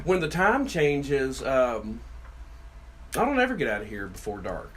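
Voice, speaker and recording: A very animated yet unhurried mid-range voice belongs to a middle-aged city councilman from Virginia, USA. Co-hosting a casual podcast, he booms out rambling, folksy stories.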